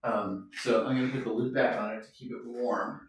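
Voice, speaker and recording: A man's voice: medium pitch, fairly even intonation, a little fast, slight background noise. A man giving a casual cooking demonstration in a home kitchen, chatting as he works and correcting himself along the way. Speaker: home cook. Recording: very echoey room, mic far off.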